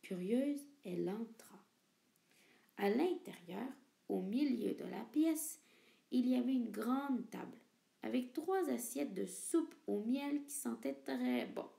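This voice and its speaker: A woman reading a children's storybook aloud in an expressive, sing-song way. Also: fairly high pitch, slow pace, creaky. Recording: echoey room.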